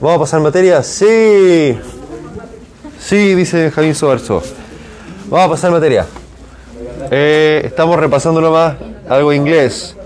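A man's voice: on the high side, moderate pace. A man with a Chilean accent teaching a hybrid university class, drilling pronunciation by repeating words and often asking for agreement. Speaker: university lecturer.

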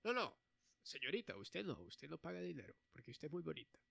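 A man's voice: a little high, very animated, brisk, creaky, a bit bright, no echo, full character voice. A man playing a sly, drawling ferryman. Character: sly male ferryman with a put-on Spanish accent.

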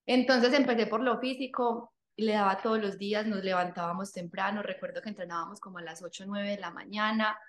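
A woman's voice: mid-range voice, steady tone, brisk, hardly any pauses. A woman, a guest telling her story in casual conversation, repeating phrases for emphasis. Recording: echoey room.

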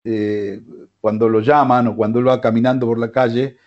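The host of this casual sports radio show, recorded in a radio studio, is a man with an Argentine Spanish accent who rambles with frequent fillers and restarts. His medium-pitched voice keeps a level tone at a normal speed and has a darkish quality. The audio sounds dull.

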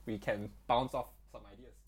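A man's voice: medium pitch, fairly even intonation, normal speed. A young man co-hosting a casual podcast, chatty, with many fillers and restarts. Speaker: podcast co-host.

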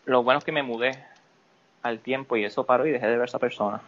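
A man, a podcast guest speaking candidly about personal matters, halting and restarting often. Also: mid-range voice, steady tone, a bit bright, dull audio. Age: adult. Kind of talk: personal interview talk.

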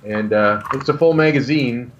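A man's voice: medium pitch, moderate pace, fairly bright tone, highs cut off, slight background noise. A man showing off collectible prizes in natural unscripted talk, rambling and hesitant. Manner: rambling, hesitant show-and-tell.

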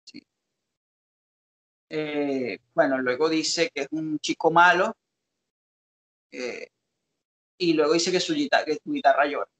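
A man's voice: on the high side, slow pace, long pauses, fairly bright tone. A man co-hosting a casual analytical talk, reflective and hesitant, with frequent fillers. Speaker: co-host analyzing song lyrics.

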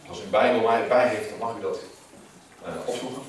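A man preaching a sermon, explaining calmly and reading the Bible aloud. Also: lowish voice, fairly quick, slight background noise. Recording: echoey hall, mic at a distance.

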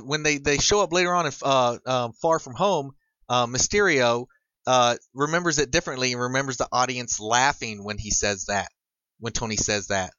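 A man with a bright, clear-edged voice chats on a podcast in a halting way, often restarting his sentences. The recording is dull and lo-fi, with a dry sound and no room echo. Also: mid-range voice. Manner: halting, many restarts while recounting comic lore. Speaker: podcast co-host. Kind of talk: casual chat.

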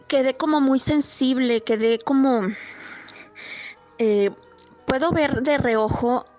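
A woman in her thirties tells a personal story in a loose, meandering way. She often stops to restart her sentences. Her voice sits a little high, with faint music playing behind her. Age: 30s. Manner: rambling, many fillers and restarts. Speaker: guest storyteller. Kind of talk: casual first-person storytelling.

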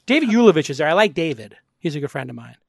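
Gravelly, rambling podcast host man. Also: fairly high pitch, racing, dry recording, clean studio sound. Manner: rambling, animated, swears casually. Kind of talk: casual conversational interview.

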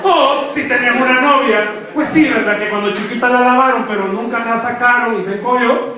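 Young man, comic youth preacher, high voice, booming echo of a church hall, off-mic with the congregation audible. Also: fairly even intonation, brisk, distant mic. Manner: joking, teasing the crowd, acting out quotes. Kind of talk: humorous youth sermon.

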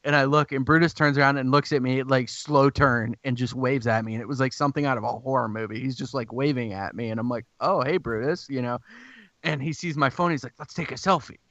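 Man, fill-in co-host, rambling stories, bright forceful voice, dry dull sound. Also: medium pitch, steady tone, fast, dry recording. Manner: rambling, self-deprecating, storytelling. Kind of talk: casual sports chat.

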